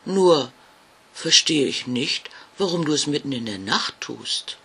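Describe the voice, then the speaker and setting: A man voicing a friendly, eager little ghost girl in a children's story, with a raised, bright voice. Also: a little high, lively intonation, a little slow, husky, full character voice.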